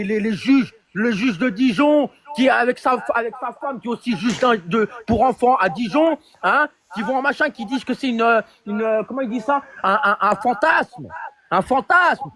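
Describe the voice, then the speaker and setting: A man with a notably high voice hosts a live stream and goes on the attack. He hammers a rival with accusations and fires off one rhetorical question after another, repeating lines to drive them home. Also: a bit bright. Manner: confrontational, accusing, rapid-fire rhetorical questions; repeats phrases for emphasis. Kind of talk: heated live-stream rant.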